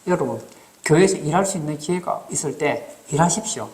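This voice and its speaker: A man's voice: on the high side, lively intonation, fairly quick, darkish tone. A man preaching a sermon as pastor, asking the congregation rhetorical questions and acting out short quotes.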